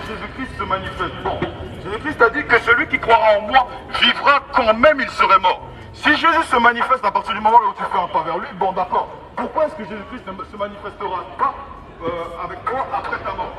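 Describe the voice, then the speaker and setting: A man's high, bright, forceful voice carries an evangelistic street sermon through a megaphone outdoors in a city, emphatic, repetitive and exhorting. The audio is distant and noisy, with traffic in the background.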